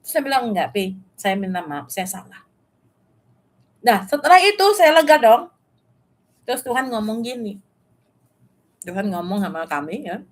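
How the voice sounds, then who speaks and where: A middle-aged woman with an Indonesian accent, preaching a testimony sermon in an animated storytelling way and mixing in English phrases. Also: on the high side.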